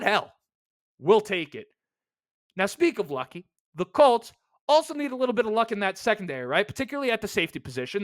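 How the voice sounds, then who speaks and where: High-voiced New man, rambling podcast host. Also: a bit bright, no echo. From New York. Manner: rambling, asks rhetorical questions, self-mocking asides. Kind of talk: casual solo sports podcast talk.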